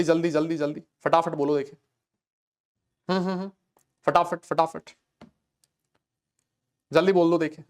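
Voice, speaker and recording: A man teaches chemistry in a live online class. He talks in a chatty, teasing way, keeps checking in with his students, and answers their comments as they come in. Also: high-pitched. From India.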